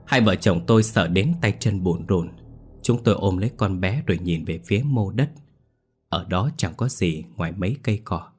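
A man narrating a ghost story in the first person with a tense, scripted delivery and a husky voice. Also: low-pitched, darkish tone.

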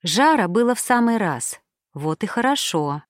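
A woman narrating an audiobook in a calm, even storytelling voice. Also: mid-range voice, moderate pace, no echo, studio quality. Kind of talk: scripted narration.

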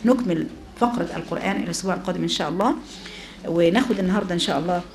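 A woman's voice: fairly low pitch, racing, a little mellow, roomy sound, a little hiss or hum. A woman with an Egyptian accent teaching a religious lesson to a class, often asking her listeners questions. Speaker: Quran teacher.

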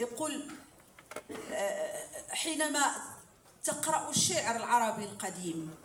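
A woman lecturer teaching a class, explaining with examples and asking rhetorical questions. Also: high voice. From Morocco. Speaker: lecturer in hadith sciences. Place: lecture hall. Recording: roomy hall, voice from far off, faint noise.

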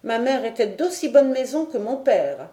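A woman's voice: medium pitch, expressive, moderate pace, dark tone, close to an everyday voice. A woman reading a storybook, voicing a proud, mocking ten-year-old noble girl in a slightly raised voice. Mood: haughty. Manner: mocking, haughty, curt. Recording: roomy echo.

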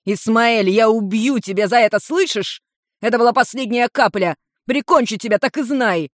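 A storyteller voicing a foul-mouthed, furious male dragon in human form who yells and curses. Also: medium pitch, normal speed, no room sound, clean studio sound, voice pushed up, close to an everyday voice. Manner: shouting, cursing.

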